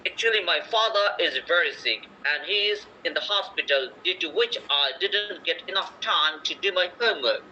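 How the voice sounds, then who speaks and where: A man reading a student's part in a textbook dialogue, slowly, in an attempted British accent. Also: high voice, lively intonation, bright, forceful tone, highs cut off, slight background noise, heavily acted. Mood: apologetic. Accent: attempted British English. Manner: slow, careful demonstration reading. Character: young male student apologizing to a teacher.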